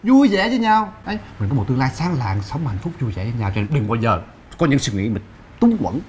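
An actor playing a grown son who lectures his mother in an animated way. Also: mid-range voice, fast talker, a little hiss or hum, close to an everyday voice. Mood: lecturing. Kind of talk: sitcom acting. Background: music.

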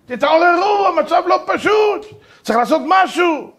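A man voicing a frantic, alarmist university philosopher man who shouts warnings. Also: very high-pitched, lively intonation, voice pushed up, full character voice. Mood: alarmed shouting.

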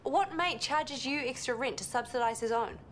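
An actress plays a suspicious, insistent young flatmate in a TV soap. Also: female voice, sits high, normal speed, a little hiss or hum. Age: 20s. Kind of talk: naturalistic TV soap acting.

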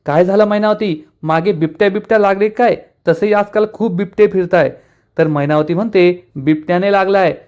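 A man with a notably high voice tells a serial episode in a chatty recap. He swings into each character's dialogue with animated emphasis, quoting husband, wife and elder in turn. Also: highs cut off. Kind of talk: casual retelling of a TV episode.

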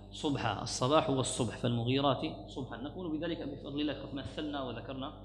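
A man teaching an Arabic grammar lesson in a lecture, repeating key words, pausing often and reciting quoted verses slowly. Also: fairly high pitch. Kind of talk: classroom lecture explaining a grammar poem. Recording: echoey hall with faint hum.

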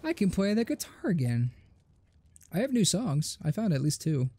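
A man's voice: high-pitched, big pitch swings, normal speed, mellow, slightly rough. Sarcastic young man doing gameplay commentary. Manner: joking, sarcastic running commentary. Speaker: gaming host. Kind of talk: let's play commentary. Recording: faint game music behind.

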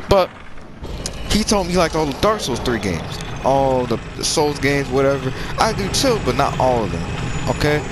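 A man giving casual gameplay commentary as a streamer, agitated and frustrated, swearing and rapidly repeating short phrases. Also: medium pitch, noisy background. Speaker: gamer streamer.

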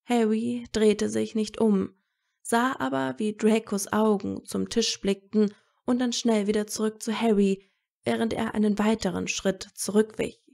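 A woman reading fan fiction aloud as an audiobook, steady and even. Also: mid-range voice, unhurried, gravelly. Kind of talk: audiobook narration.

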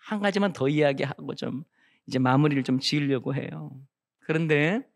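A middle-aged guest pastor with a notably high-pitched voice preaches a revival sermon. He sinks into soft, intimate storytelling, then rises to loud, emphatic declarations, each phrase trailed by the long reverb of a church sanctuary.

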